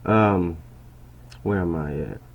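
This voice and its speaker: Low-voiced man chatting over an article. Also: takes it slowly, gravelly, dull audio, a little hiss or hum. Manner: conversational, keeps asking "right?" and calling listeners "bro". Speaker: host reading and commenting on an article. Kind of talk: casual commentary while reading aloud. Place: indoors at a laptop.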